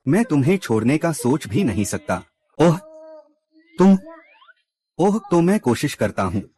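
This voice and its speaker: A man's voice: fairly high pitch, big pitch swings, measured pace, dark tone. Guy doing a drama recap, reads all the parts himself, voice bounces up and down a lot. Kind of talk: scripted recap narration voicing all characters.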